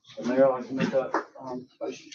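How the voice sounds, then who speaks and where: A man's voice: mid-range voice, flat delivery, fairly quick, vocal fry, mellow. A man speaking as an alderman, reading out a formal resolution. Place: echoey municipal meeting room. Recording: roomy, distant mic, muffled, faint noise.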